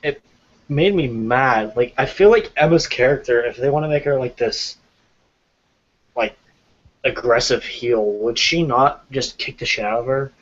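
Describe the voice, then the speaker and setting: A man's voice: medium pitch, normal speed. A man co-hosting a casual review podcast, blunt and swearing, with exasperated asides. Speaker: podcast co-host. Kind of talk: casual wrestling review chat. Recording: dull lo-fi podcast audio.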